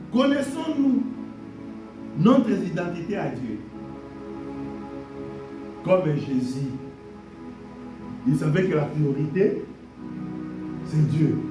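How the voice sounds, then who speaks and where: A pastor with a slightly high voice preaches a sermon in a church hall. He draws amens from the congregation in call-and-response fashion, repeating key phrases and blessings, and the recording is echoey and made from far off.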